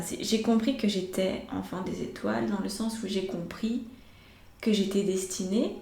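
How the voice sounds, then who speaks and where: A woman's voice: medium pitch, a little mellow. A woman giving a tarot reading to her viewers, speaking reflectively and addressing them directly with frequent hesitations. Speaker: tarot reader. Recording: echoey room.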